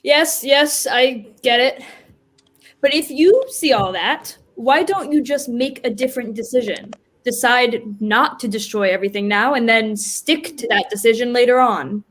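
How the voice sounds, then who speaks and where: Woman acting death itself, kinda high voice, plain spoken and questioning, stage play reading. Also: unhurried, a bit bright. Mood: impatient, reasoning.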